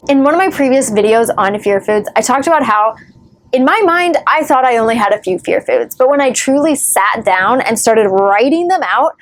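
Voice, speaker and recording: Earnest, fairly high-voiced woman vlogger. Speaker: recovery vlogger. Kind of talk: encouraging direct-to-camera advice.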